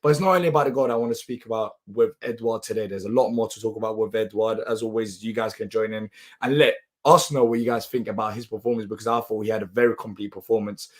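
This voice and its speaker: Hoarse, tired male football show host. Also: lowish voice, fast talker. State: hoarse, voice lost. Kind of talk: live match reaction commentary.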